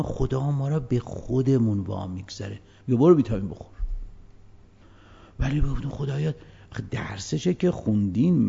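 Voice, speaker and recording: A man giving a colloquial religious lecture, moving between hushed asides and emphatic, raised passages, on a dull lo-fi recording. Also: medium pitch, gravelly, husky.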